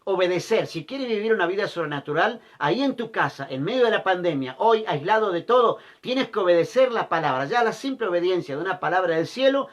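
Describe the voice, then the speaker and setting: A man's voice: sits high, animated, a little fast, hardly any pauses. A male pastor preaching a sermon, repeating key phrases and asking the listeners rhetorical questions.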